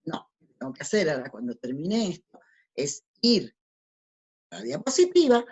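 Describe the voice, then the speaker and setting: A woman delivers a spiritual lecture with slides, pitched somewhat low. She teaches step by step, posing rhetorical questions and answering them herself. She often checks in with her listeners through short tag questions. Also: very animated, normal speed, breathy edge.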